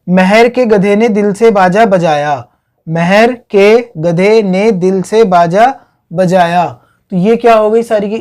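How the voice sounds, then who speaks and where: A man's voice: sits high, dark tone. A man teaching an exam-prep lesson, drilling his students with repeated questions and memory tricks. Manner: repetitive question-and-answer drilling.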